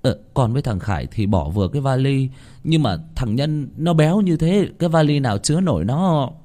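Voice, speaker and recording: A man voicing three excitable teenage boys who talk cheekily and stammer when nervous. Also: mid-range voice, brisk, voice pushed up, lightly acted. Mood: cheeky.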